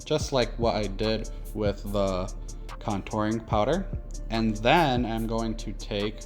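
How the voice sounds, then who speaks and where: Guy w a slushy lisp chatting thru a drag makeup tutorial, lowish voice, music going. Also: takes it slowly. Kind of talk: casual makeup tutorial voice-over.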